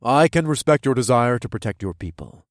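A man voicing the stern, guarded male leader of the mole people, speaking slowly and formally. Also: medium pitch, expressive, no room sound, clean studio sound, natural voice. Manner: slow, measured and formal.

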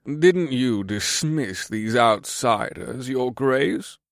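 A man's voice: mid-range voice, sing-song, slow pace, gravelly, darkish tone, no room sound, studio quality, exaggerated voice. A man voicing a smug, scornful courtier in an audiobook, with an oily, sneering drawl.

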